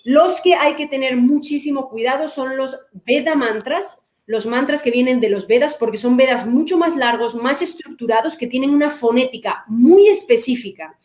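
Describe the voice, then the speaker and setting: A woman hosting an interview who summarizes and translates the guest's answers clearly. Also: high voice, normal speed, hardly any pauses, a little mellow. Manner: summarizing clearly, switching between English and Spanish. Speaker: host and interpreter. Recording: roomy echo.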